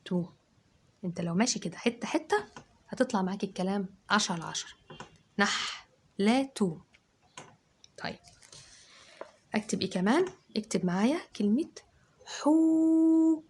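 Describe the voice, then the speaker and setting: A woman teacher with an Egyptian accent, giving a dictation lesson to children and sounding words out syllable by syllable, loud and drawn out. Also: medium pitch, expressive, normal speed, pauses often, a little hiss or hum. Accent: Egyptian Arabic.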